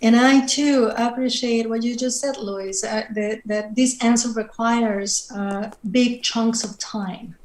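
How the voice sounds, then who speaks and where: A woman's voice: fairly high pitch, fairly even intonation, slow pace, few pauses, darkish tone. A middle-aged woman from Mexico with a Mexican Spanish accent, a native Spanish speaker, speaking thoughtfully as a panelist on a video call and searching for her words. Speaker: panelist writer. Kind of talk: reflective panel conversation. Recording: roomy video-call audio.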